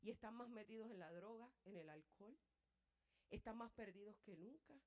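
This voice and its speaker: A woman preacher giving an impassioned sermon. She moves between loud, fervent passages and hushed, prayerful ones, and speaks both to the congregation and to God. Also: mid-range voice, normal speed.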